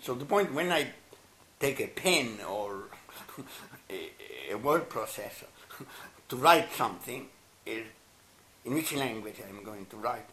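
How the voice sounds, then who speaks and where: Recorded in a roomy, echoing room with faint background noise, an older anthropologist gives thoughtful interview answers. His first language is Italian, his voice medium-pitched with lively intonation, and he's warm but halting, with stammers, restarts, and soft laughter.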